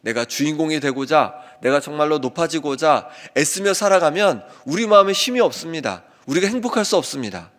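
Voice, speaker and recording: Male pastor, mid-pitched voice, earnest sermon delivery, long church reverb. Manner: earnest preaching, slows to read scripture aloud. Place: church sanctuary.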